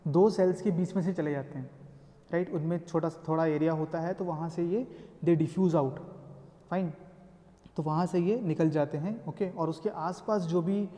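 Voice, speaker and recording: A man's voice: a little high, fairly even intonation, normal speed, dark tone. A male lecturer explaining step by step and checking in often with his students. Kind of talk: code-mixed classroom lecture. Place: classroom. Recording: reverberant room.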